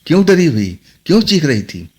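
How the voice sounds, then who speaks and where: A man's voice: on the high side, sing-song, moderate pace, breathy edge, pitched above the performer's own voice. A man voicing a worried middle-aged mother who asks anxious questions.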